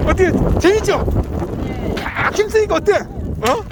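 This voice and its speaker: Exclamatory man shouting over loud wind. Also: very high-pitched, a little slow. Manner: exclamatory, repeats short encouragements and instructions. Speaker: fishing guide and pension host. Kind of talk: casual chat while coaching guests at fishing. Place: outdoors by the sea in rain and wind. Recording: loud wind and rain on microphone.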